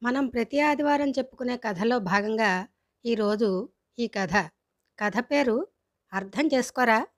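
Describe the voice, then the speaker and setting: Woman, storyteller, scripted narration, calm, expressive, slightly high voice. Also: measured pace, pauses often.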